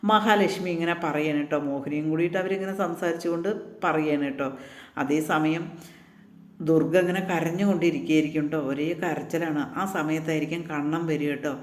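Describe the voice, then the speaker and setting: A man casually recapping a TV serial episode, retelling the scenes in an even, steady flow and tagging his lines with little asides to the listener. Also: on the high side, a little fast, echoey room.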